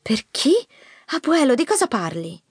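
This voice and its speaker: A worried teenage girl presses with anxious questions, as a woman narrator voices her. The voice swings lively in pitch, and the recording is close and dry. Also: normal speed, husky, no room sound. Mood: anxious questioning. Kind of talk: audiobook character voice.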